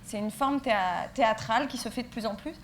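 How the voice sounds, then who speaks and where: A woman's voice: a little high, fast talker, a little hiss or hum. A woman hosting a web TV festival interview, friendly and hesitant, with many fillers.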